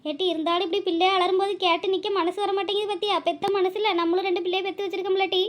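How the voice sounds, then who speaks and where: A woman's voice: very high-pitched, flat delivery, very fast. A woman doing a chatty, kind neighbor. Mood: sympathetic. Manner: sympathetic, chatty.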